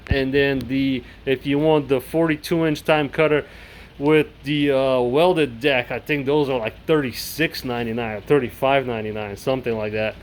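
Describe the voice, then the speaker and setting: A chatty man talks on camera from his messy indoor workshop, circling back over numbers with plenty of uhs and restarts. His voice sits a little high for a man and comes through smooth and resonant. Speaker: mower repair vlogger. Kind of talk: casual workshop vlog. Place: cluttered indoor shop.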